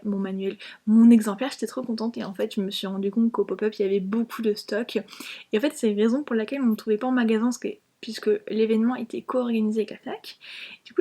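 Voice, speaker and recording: A woman's voice: on the high side, darkish tone. A young woman chatting casually to camera at home, bubbly, with lots of fillers and restarts. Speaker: vlogger.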